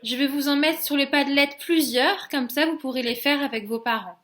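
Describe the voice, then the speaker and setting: A woman teacher with a French accent giving a slow phonics lesson to young children, sounding out each letter and syllable clearly and gently. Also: high-pitched. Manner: gentle and encouraging toward children.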